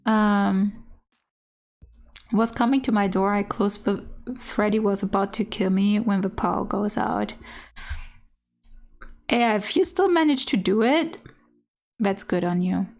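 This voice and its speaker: A woman's voice: mid-range voice, unhurried, pauses often, darkish tone. A woman gaming streamer reading game dialogue aloud with casual, candid asides, sometimes stumbling over the words. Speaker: gaming streamer doing a let's play.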